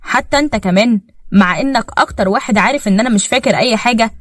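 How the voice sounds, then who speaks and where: A woman narrator playing a torn husband with no memory, defensive and pleading in a brisk Egyptian voice. The voice sits close and dry, the words hurried. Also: fairly high pitch, dry recording, natural voice. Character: confused adult husband with lost memory.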